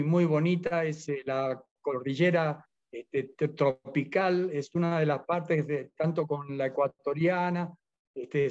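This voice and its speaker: A man's voice: fairly high pitch, darkish tone, highs cut off. A man in his seventies, born in Argentina, speaking as an interview guest, hesitant and full of fillers. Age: 70s. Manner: hesitant, many fillers and restarts. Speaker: interview guest, Biodanza teacher. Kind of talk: casual interview.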